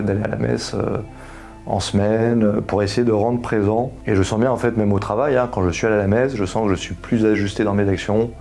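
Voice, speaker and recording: A man's voice: fairly low pitch, gravelly, mellow. A man in his thirties giving an earnest personal testimony, explaining his views with homely comparisons. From France. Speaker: husband giving a faith testimony.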